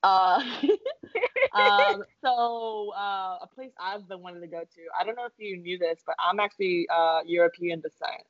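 A woman's voice: mid-range voice, moderate pace, fairly bright tone. A young woman co-hosting a podcast, chatting casually, giggly and swearing freely. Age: young adult. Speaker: podcast co-host. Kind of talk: casual chat. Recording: dull lo-fi sound.

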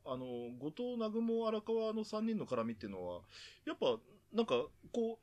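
Rambling man with a lively pitch. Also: normal speed, highs cut off. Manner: hesitant, many fillers, wry. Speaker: podcast co-host. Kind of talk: casual anime discussion.

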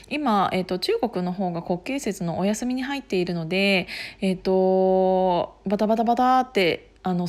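A woman at an everyday middle pitch talking casually on her own podcast. She rambles in a chatty, unscripted way, full of fillers and quick little laughs. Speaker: podcast host. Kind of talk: casual solo talk.

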